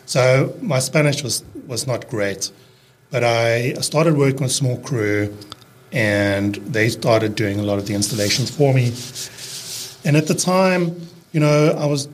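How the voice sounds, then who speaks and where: A man's voice: medium pitch, a little hiss or hum. A South African man in his early fifties, a podcast guest talking casually about his work, with many restarts and fillers. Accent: South African, fading toward American. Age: 50s. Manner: halting, restarts a lot, fillers, relaxed. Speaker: podcast guest, landscaping business owner. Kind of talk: casual conversational interview.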